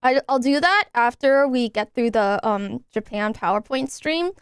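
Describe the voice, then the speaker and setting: Young woman streamer, high smooth voice, upbeat and chatty, a little stuffy from nose surgery. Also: animated, measured pace, no room sound, clean studio sound. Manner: chatty, upbeat, bubbly when thanking subscribers. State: recovering from nose surgery, swollen. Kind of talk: casual live-stream chat.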